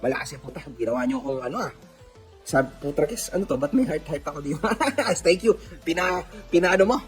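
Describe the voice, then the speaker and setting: A man's voice: a little high, animated, fast talker, faint music behind. A man with a Filipino accent talking in a casual commentary vlog, mixing in English phrases and laughing often. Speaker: vlogger.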